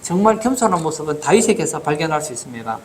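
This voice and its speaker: Animated male pastor preaching. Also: fairly high pitch, fast, a little hiss or hum. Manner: animated preaching with rhetorical questions. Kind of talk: sermon. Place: church.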